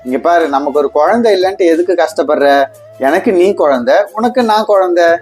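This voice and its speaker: A woman playing a gentle, coaxing husband. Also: fairly low pitch, lively intonation, fairly quick, soft background music, lightly acted. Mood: soothing. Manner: soothing, coaxing. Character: gentle, patient husband and adoptive dad. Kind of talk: comedy skit acting.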